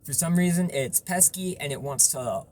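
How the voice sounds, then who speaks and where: A man's voice: a little high, moderate pace, darkish tone. A man giving an informal, explanatory tutorial on vocal technique, stressing points through repetition.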